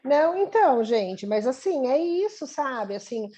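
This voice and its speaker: Woman psychologist teaching, warm mellow tone, bit high, keeps asking right?. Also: very animated, a little slow. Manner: reflective, peppers speech with tag questions. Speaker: psychologist leading a training session. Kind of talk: casual teaching talk.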